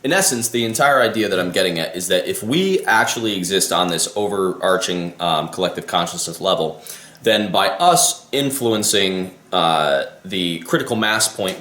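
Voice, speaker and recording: A man's voice: low voice, a bit bright, reverberant. A man vlogging his musings in a casual, rambling way, often losing his thread, restarting and swearing casually. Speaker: vlogger and life coach. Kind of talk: casual spoken musing to camera.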